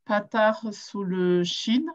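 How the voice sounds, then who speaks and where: A woman's voice: mid-range voice, steady tone. A woman student in a language class, hesitantly reading out vowel signs. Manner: hesitant, slow. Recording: dull lo-fi sound.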